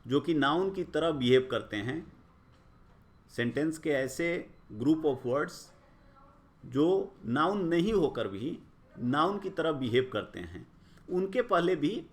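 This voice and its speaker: Male grammar tutor: measured, unhurried delivery, pitch swinging widely for emphasis. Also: very animated. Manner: slow, deliberate, rising and falling emphasis. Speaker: grammar teacher. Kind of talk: explanatory lecture.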